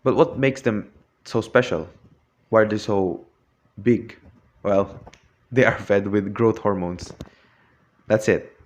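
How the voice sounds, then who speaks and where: A young man with a lowish voice delivers a prepared classroom talk. He stumbles often, restarting words and filling gaps as he goes. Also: slow, pauses often, highs cut off, slight background noise. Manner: hesitant, frequent restarts and fillers.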